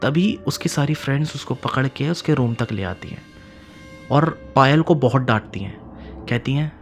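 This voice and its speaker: A man narrating a horror story in a dramatic way, repeating phrases and swinging between loud emphasis and hushed lines. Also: medium pitch, normal speed, soft background music.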